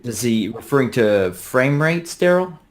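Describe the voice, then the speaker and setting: A man's voice: mid-range voice, animated, unhurried. A man joining a live stream as a guest drone pilot, explaining things in a friendly way over a video call, with hesitant uhs. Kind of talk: casual video-call chat.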